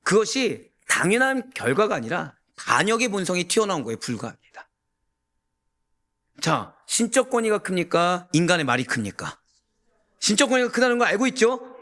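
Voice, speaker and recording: A man preaching a sermon as a pastor, emphatic and full of rhetorical questions to the congregation, rising to near-shouts. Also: sits high, sing-song, moderate pace.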